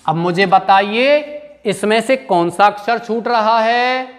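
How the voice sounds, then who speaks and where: A male teacher with an Indian English accent leads a grammar lesson in a high, unhurried voice. He spells words out letter by letter and asks questions that he answers himself. The room adds a long, ringing reverb.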